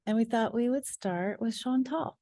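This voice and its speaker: A woman hosting a virtual gallery program, friendly and brisk as she opens and introduces the artists. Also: fairly high pitch, dark tone, no room sound, studio quality. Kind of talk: welcoming introduction at a virtual event. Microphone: computer mic on a video call.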